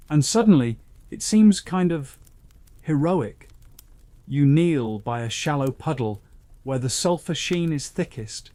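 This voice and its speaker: A man gently narrating a scripted bedtime science story, guiding the listener in a soothing second-person voice. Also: medium pitch, no echo.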